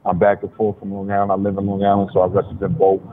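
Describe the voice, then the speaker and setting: A man's voice: deep voice, monotone, quick pace. A man from Brooklyn, a rapper calling in over the phone for a radio interview, talking in a laid-back, confident way with many fillers. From Brooklyn, New York. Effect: heard over the phone. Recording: tinny phone line, faint noise.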